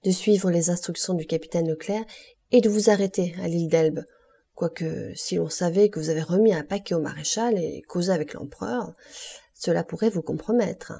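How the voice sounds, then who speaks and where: A woman's voice: fairly low pitch, normal speed, vocal fry, mellow, breathy edge. Woman voicing a jovial older shipowner. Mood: friendly. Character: warm middle-aged male shipowner, jovial. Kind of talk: audiobook reading.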